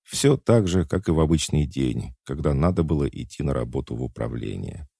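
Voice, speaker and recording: A man narrating a thriller audiobook in a measured, dramatic reading. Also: rumbling low, lively intonation, creaky, warm tone, husky, no room sound, clean studio sound. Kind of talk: scripted narration.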